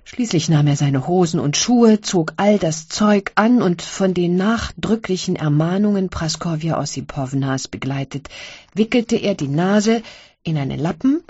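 A woman narrating a classic story as an audiobook reading, in a measured storytelling manner. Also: on the low side, lively intonation, darkish tone, husky, no room sound, muffled recording.

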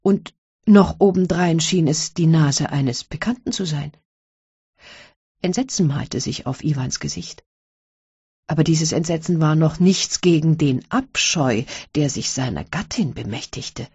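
Casting: low, slow female storyteller, breathy tone, dull lo-fi audiobook sound. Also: warm tone, no echo. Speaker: narrator. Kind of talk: audiobook reading of a classic story.

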